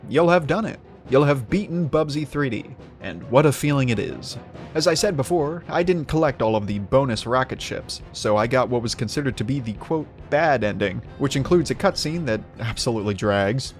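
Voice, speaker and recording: Wry man narrating a game review. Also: mid-range voice. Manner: sarcastic, wry. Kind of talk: scripted video essay narration.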